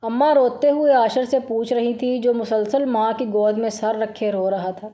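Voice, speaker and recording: Female narrator for a novel reading: mellow, somewhat high voice, steady emotional delivery. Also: highs cut off.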